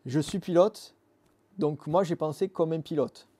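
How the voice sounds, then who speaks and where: A man's voice: on the high side, unhurried, warm tone. A man in his thirties, an app founder being interviewed, explaining step by step in casual, earnest talk with many fillers, recorded in a workshop studio on a lapel mic. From Marseille, France. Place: dim motorcycle workshop studio.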